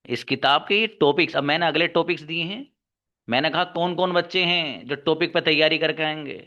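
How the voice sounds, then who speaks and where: A man's voice: on the high side, a little fast, sharp tone. A male English teacher lecturing his class, scolding and exhorting his students to work hard. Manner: scolding, exhorting, calls students son and daughter. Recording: dull lo-fi recording.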